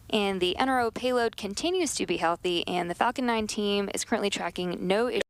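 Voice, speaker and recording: A woman hosting a live launch webcast, explaining each step in commentary. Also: mid-range voice. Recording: faint background noise.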